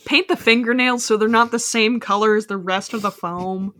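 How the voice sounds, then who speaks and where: A woman's voice: on the high side, fairly even intonation, normal speed, a bit bright. A woman hosting a casual podcast, recapping a movie's plot in a rambling way with lots of fillers. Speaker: podcast host.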